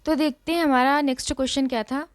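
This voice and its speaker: High-pitched woman teaching exam revision, keeps asking and repeating stuff. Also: fairly even intonation, fast. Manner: repeats rules and asks questions to the class.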